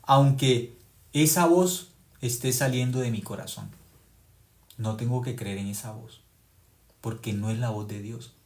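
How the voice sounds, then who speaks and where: Give me a man preaching with dramatic swings between loud emphasis and hushed delivery. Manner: emphatic, swings from loud rising stresses to hushed low tones, drawn-out key words. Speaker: pastor. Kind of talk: sermon.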